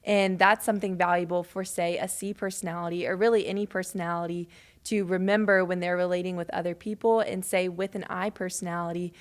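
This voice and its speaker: A woman's voice: on the low side, level tone, fairly quick. A woman co-hosting a ministry podcast, explaining things conversationally. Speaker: podcast co-host. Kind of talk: casual ministry podcast discussion.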